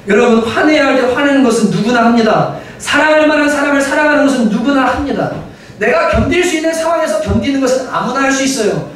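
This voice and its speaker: A man with a strikingly high voice delivers a Sunday sermon, pressing his points with emphasis and often calling out to the congregation. The recording picks him up from a distance, and the words ring through a very echoey church hall. A faint hiss sits under the voice. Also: lively intonation, quick pace. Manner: emphatic, often addresses the congregation directly, swells to shouts. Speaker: preacher. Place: church sanctuary.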